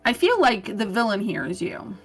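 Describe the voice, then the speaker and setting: Blunt sarcastic woman with a gravelly voice. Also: mid-range voice, sing-song, normal speed, faint music behind. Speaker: player. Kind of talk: in-character tabletop play.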